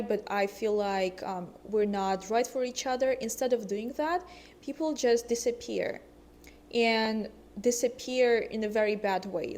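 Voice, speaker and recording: A woman's voice: mid-range voice, darkish tone. A young woman from Russia, a vlogger chatting casually to camera, hesitant and full of ums.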